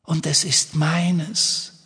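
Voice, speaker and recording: A man voicing an evil, menacing voice hissing out of a locket, slow and taunting in a half-whisper. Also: on the high side, little pitch movement, pushed and bright, husky, long reverb tail, voice pushed up, full character voice.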